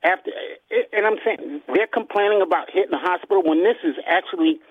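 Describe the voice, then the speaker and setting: A man calling in to a talk radio show over the phone, talking haltingly and repeating words as he restarts. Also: high voice, no echo. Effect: caller heard over a phone line. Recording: tinny dry phone line.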